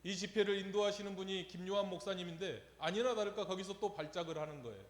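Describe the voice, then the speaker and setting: A man's voice: high-pitched, quick pace. A man preaching a sermon, telling a story and asking the congregation rhetorical questions. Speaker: pastor. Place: church sanctuary. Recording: echoey church hall with long reverb.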